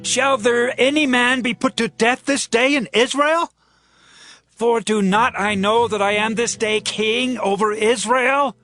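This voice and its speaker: A man's voice: very high-pitched, fairly even intonation, measured pace, pushed and bright, soft background music, full character voice. An actor playing a commanding king of Israel in a dramatized Bible audiobook, declaiming in archaic scriptural phrasing. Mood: indignant. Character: commanding king of Israel, stern yet magnanimous.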